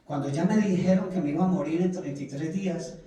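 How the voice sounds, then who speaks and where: A man's voice: a little high, quick pace, warm tone. A man preaching a Bible study, telling his testimony with emotion and repeating phrases for emphasis. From Colombia. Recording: very echoey room, mic far off.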